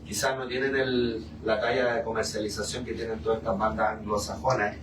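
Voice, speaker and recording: A musician leads a group discussion, speaking reflectively and repeating phrases for emphasis. His voice is lowish and brisk with little pitch movement. He was recorded on a distant mic in an echoey room, with clear noise.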